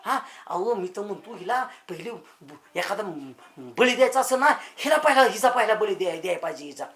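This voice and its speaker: A man's voice: sits high, big pitch swings, a little fast, fairly bright tone. An actor playing a brash lovesick young village man, boastful and full of rustic banter. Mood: sweet-talking. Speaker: lovesick suitor. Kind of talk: village comedy acting.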